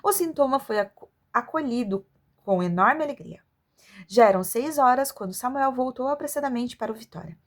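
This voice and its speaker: A woman with a fairly high voice reads an adventure story aloud for children. Her delivery is expressive and storylike, that of an amateur narrator who occasionally stumbles and corrects herself. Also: normal speed. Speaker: audiobook reader for children.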